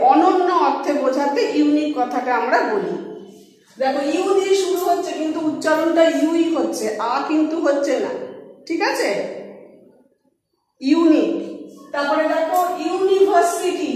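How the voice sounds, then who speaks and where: A woman teacher with a high voice gives a patient classroom lesson, spelling each word letter by letter. The room is very echoey, with a long reverb trailing after her.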